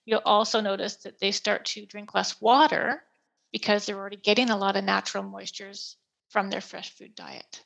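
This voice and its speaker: A woman's voice: mid-range voice, level tone, normal speed, creaky, a bit bright, low-quality recording. A woman hosting a podcast, explaining in a chatty, plain-spoken way as a pet store expert. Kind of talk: casual explanatory podcast chat.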